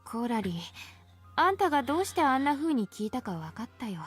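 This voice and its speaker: A woman's voice: high-pitched, sing-song, fairly quick, husky, soft background music, exaggerated voice. An actress voicing a skeptical young woman in a game who asks direct questions. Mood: questioning.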